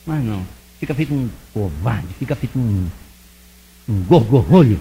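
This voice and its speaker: A man giving an emotional testimony sermon, dramatic, swinging between loud pleading and hushed asides. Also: mid-range voice, animated, normal speed, a little hiss or hum, low-quality recording.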